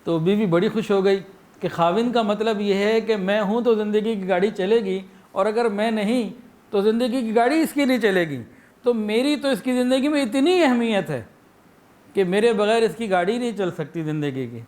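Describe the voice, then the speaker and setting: A man's voice: high-pitched, a little mellow. A man with a Pakistani Urdu accent delivering a sermon, illustrating his points with anecdotes and acted-out phrases. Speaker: preacher.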